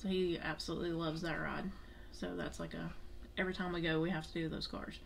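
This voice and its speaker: Low-pitched woman chatting casually over background noise. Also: little pitch movement, a little fast, gravelly. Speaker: family vlog host. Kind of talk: casual food review vlog chat.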